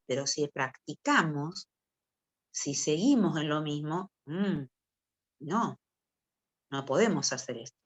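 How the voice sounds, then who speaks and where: A woman with a Rioplatense Spanish accent, teaching a youth group from the Bible in a chatty way, often asking her listeners questions and acting out people's excuses. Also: low-pitched. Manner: conversational, asks listeners questions, acts out excuses.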